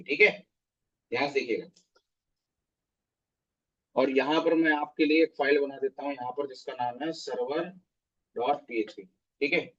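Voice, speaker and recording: Man, coding instructor, husky voice, slightly high pitch, live online lesson, dull lo-fi audio. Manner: explains step by step, often checks with "theek hai". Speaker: web development instructor.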